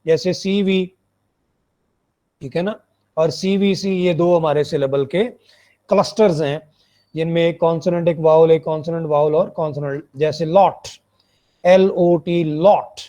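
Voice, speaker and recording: A man's voice: on the high side, steady tone, moderate pace, long pauses, dark tone. A man giving a recorded phonetics lecture, explaining step by step, repeating points and checking that students follow. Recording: muffled lo-fi recording.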